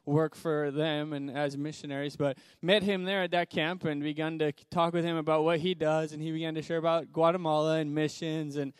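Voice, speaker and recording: A young Zimbabwean man, visiting a church as a missionary guest speaker, gives an upbeat personal testimony in a brisk, preacherly style. His voice is on the high side with little pitch movement, and the tone is clean with no echo.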